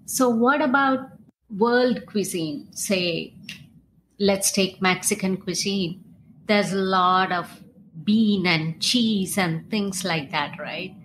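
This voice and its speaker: A woman's voice: mid-range voice, takes it slowly, a bit bright, poor audio. Conversational woman host, faint background hum. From India. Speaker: podcast host. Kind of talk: interview conversation.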